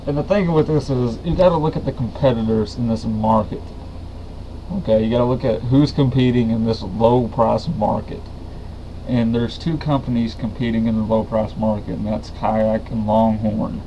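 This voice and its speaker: A man's voice: mid-range voice, fairly even intonation, normal speed, dark tone. A young man with a Southern US accent gives a casual product review, talking with a lip full of chewing tobacco. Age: young adult. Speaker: dip reviewer. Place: small room indoors. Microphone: webcam or computer mic at arm's length. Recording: dull, noisy webcam audio.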